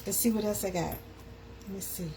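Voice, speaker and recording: A woman's voice: mid-range voice, steady tone, normal speed, background noise. Chatty woman in her fifties. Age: 50s. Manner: chatty, calls out to viewers. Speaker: live stream host. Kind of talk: casual live chat.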